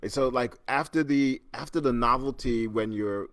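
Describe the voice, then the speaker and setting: Hosting a relaxed livestream chat from his New York City home, a middle-aged man from Trinidad rambles along, full of fillers and restarts, reading out viewer comments as they come in. He speaks at a moderate pace in a medium, slightly bright voice, and the recording is dry.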